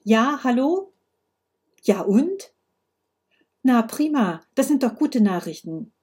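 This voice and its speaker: A woman's voice: fairly high pitch, very animated, takes it slowly, darkish tone, breathy edge, voice pushed up, full character voice. A woman voicing a brusque, sarcastic older woman, a grandmother, while reading a novel aloud. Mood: impatient. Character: grumpy sharp-tongued older woman, a grandmother, reckless driver.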